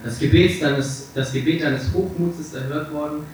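A man's voice: mid-range voice, steady tone, fairly quick, a little hiss or hum, lightly acted. A man reading aloud as an older male painter, urgently pleading with his friend to pray, in an echoey hall from a distance. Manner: urgent, imploring.

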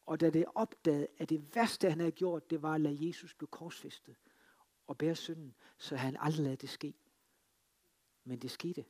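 Dramatic man preaching a sermon. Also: on the high side. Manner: dramatic storytelling, swinging between emphatic and hushed. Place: free church.

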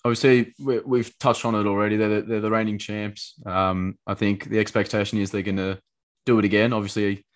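A man's voice: lowish voice, little pitch movement, a little fast. A man co-hosting a casual football podcast, hesitant, with many fillers, asking long questions. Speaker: podcast co-host.

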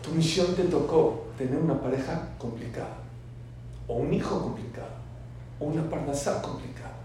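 A man teaching a sermon full of stories, swinging between soft asides and loud emphatic bursts. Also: fairly high pitch, normal speed. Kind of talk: sermon with storytelling. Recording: very echoey room from far off, faint hiss.

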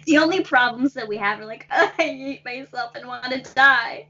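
A woman's voice: high-pitched, normal speed, background noise. A woman in her twenties co-hosting a podcast over a video call, joking bluntly and swearing casually. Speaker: podcast co-host. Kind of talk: casual chat. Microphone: recorded over video call. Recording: dull lo-fi call audio.

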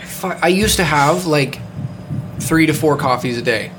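A man's voice: on the high side, unhurried, a bit bright, a little hiss or hum. A man hosting a casual podcast chat, rambling with many fillers and the odd swear word. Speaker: podcast host.

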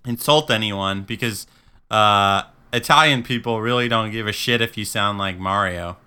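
A man's voice: fairly low pitch, moderate pace, sharp tone, clean tone. A man hosting a podcast, telling stories loosely and laughing often. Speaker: podcast host. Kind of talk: casual chat.

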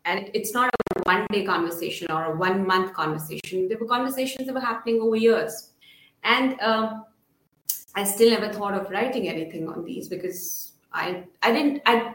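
Woman, middle aged, guest on an interview, rambly and hesitant, medium pitch, echoey. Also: a bit bright. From Srinagar, Kashmir, India. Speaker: guest author. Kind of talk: conversational interview answers. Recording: roomy, echoing sound.

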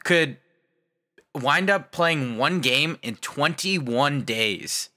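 A man with a very bright, sharp-toned voice, chatting casually about sports. He delivers his gripes with a wry, sarcastic edge. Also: a little high, expressive, drawn-out words. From Ohio. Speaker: podcast co-host. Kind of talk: casual chat, sports talk.

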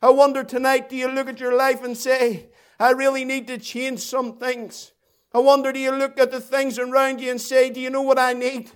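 This preacher's voice is very high, monotone, clear and resonant. In an impassioned evangelistic sermon, he emphatically repeats phrases and lengthens them to add dramatic weight.

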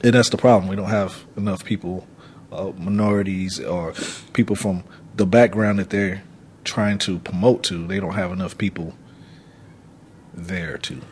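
A man co-hosting a casual podcast, making his points patiently between steady agreement. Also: deep voice, normal speed, a little hiss or hum. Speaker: podcast co-host.

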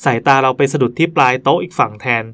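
A man's voice: medium pitch, quick pace, fairly bright tone. A male podcast host reading listener ghost stories aloud in a chatty way, stopping now and then to comment. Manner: chatty, breaks off to joke and comment.

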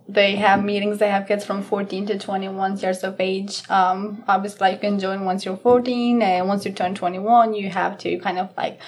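A young woman in her twenties talks as a guest in a casual interview. Her voice is soft and even, with little rise and fall, and she answers in a plain, matter-of-fact way. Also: medium pitch, slight background noise. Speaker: police officer guest.

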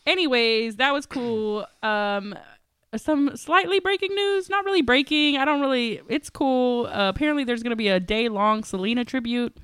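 A young woman co-hosting a casual podcast, telling stories in slangy, animated talk full of laughter. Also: on the high side, moderate pace, clean tone, dry recording. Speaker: podcast co-host.

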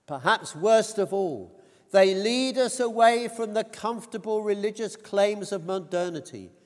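A man preaching a sermon in a measured, deliberate way, his voice rising on quoted cries. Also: sits high. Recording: long reverb of a church hall.

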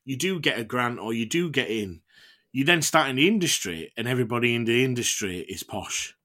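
Bright-voiced Yorkshire man in candid conversation. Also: mid-range voice, lively intonation, brisk. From Yorkshire, England. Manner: informal, reflective. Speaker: actor, podcast guest.

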